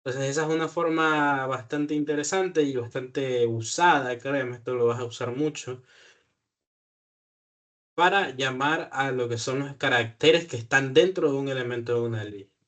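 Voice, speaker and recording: A man's voice: mid-range voice, normal speed, a bit bright. A man teaching a programming lesson one-on-one, patient and thinking aloud, checking often that his student follows. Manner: patient, checks understanding with frequent "¿ya?"; self-correcting, thinks aloud with fillers. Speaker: programming tutor. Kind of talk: live one-on-one coding lesson.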